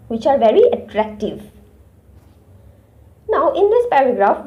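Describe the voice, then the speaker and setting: Woman teacher, high and animated delivery that explains words to young children. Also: muffled recording. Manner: explains words and speaks directly to young pupils. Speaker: English teacher. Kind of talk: online class lesson explaining a story.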